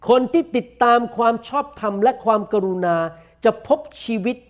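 A man with a Thai accent preaching a sermon, saying each point in slow, deliberate English and then repeating it quickly in Thai. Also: very high voice. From Thailand. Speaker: pastor. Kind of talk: bilingual sermon, self-translating.

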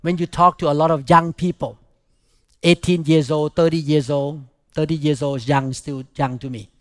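An older man from Thailand preaches with a Thai accent in a notably high voice. He speaks in short, emphatic chunks and often repeats a phrase to press it home. The sound is dry, with very little room around it. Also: steady tone, moderate pace, no echo. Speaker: pastor preaching. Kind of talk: sermon.

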